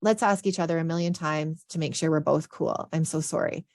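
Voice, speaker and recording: An eager, apologetic young male student, as a woman quotes him in a training session. The voice stays low-pitched, with a close, dry sound. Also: fairly even intonation, fairly quick, darkish tone, dry recording.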